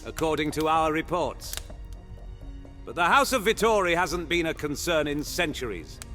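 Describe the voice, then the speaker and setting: In a fantasy audio roleplay, a man voices a chatty, zealous medieval monster hunter using theatrical, old-fashioned phrasing. His voice is on the high side and sharp, and his mood is scornful.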